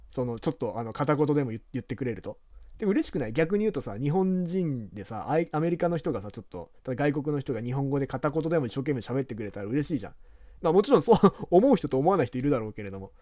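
Chatty man with animated game commentary. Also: medium pitch, quick pace, no room sound, clean studio sound. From Japan. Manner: chatty, rambling, rough casual speech. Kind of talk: casual let's-play commentary.

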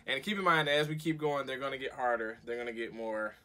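A man's voice: mid-range voice, fast talker, pushed and bright. A man in his thirties, a father hosting in casual chat with a child, coaxing and explaining as he repeats instructions. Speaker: father hosting a candy challenge.

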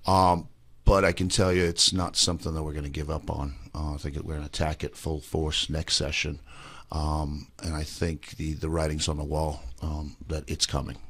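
A middle-aged man from Zimbabwe talks on a radio show in a very low, deep voice. He speaks plainly, pausing with fillers and restarting sentences. He sits in a small office on a studio mic. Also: flat delivery, a bit bright, breathy edge. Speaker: state delegate guest. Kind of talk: radio talk show interview. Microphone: studio mic with headphones, remote video link.

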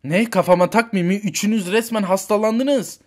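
Guy playing a high-voiced mom fussing at her kids and husband in a toy play. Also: steady tone, moderate pace, darkish tone. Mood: worried. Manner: scolding, insistent. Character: worried but firm mother, middle-aged.

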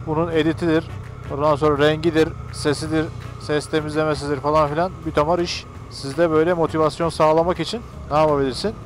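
A man vlogging from his motorcycle on country roads, chatting and joking straight to his viewers through a helmet mic. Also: mid-range voice. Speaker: motovlogger. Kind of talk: casual running commentary while riding.

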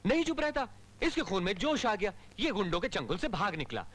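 An actor dubbing a cocky young police officer who talks in a wry, theatrical way. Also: male voice, high-pitched, sing-song, brisk, fairly bright tone, heavily acted. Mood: playful. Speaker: hero in a dubbed film. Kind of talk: Hindi film dubbing.

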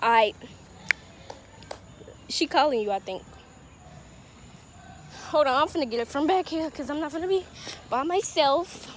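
A young woman chatting casually to her camera outdoors on a hot day, animated and slangy, raising her voice over others. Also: high voice, a little slow, pauses often, slight background noise. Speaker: vlogger. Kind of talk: casual vlog chat. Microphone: handheld camera.

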